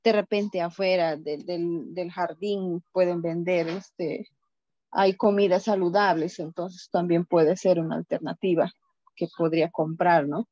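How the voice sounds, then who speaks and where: A woman's voice: lowish voice, fairly even intonation, measured pace, warm tone, no echo. A woman, a teacher-training student giving a tentative answer in an online class. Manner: tentative, trailing off. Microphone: video call. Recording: dull lo-fi video call audio.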